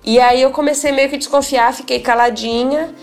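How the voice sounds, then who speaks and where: A woman speaking as an interview guest, with a gravelly, creaky edge to her voice. She tells her story in an animated way, stopping and restarting and acting out what others said. Soft music plays faintly in the background. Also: high voice, moderate pace. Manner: animated, many restarts and quoted dialogue.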